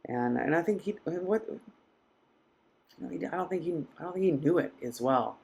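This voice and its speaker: A man hosting a live mindfulness session, speaking in a reflective, halting way as he reads out viewers' comments. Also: on the high side, animated, creaky. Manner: reflective, soft-spoken and halting. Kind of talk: casual live-stream talk reading viewer comments.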